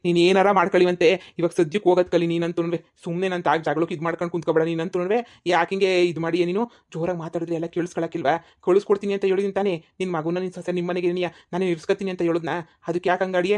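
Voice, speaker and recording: A man's voice: high voice, level tone, rapid-fire, darkish tone, natural voice. A man voicing an irritated village brother and husband in a cartoon comedy, scolding and exasperated.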